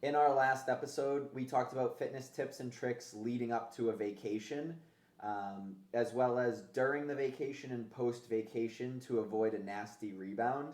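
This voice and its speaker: A man with a mid-range, darkish voice speaks at a moderate pace with fairly even intonation. He hosts a casual fitness podcast, talking conversationally with gym-bro slang and casual swearing, in a roomy, echoey space.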